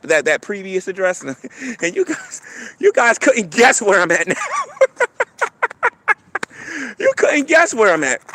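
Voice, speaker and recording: A YouTube livestreamer with a high-pitched, somewhat bright voice rants on his stream, taunting and defiant. He stammers, repeats himself, and bursts into mocking laughter. There's a little hiss or hum.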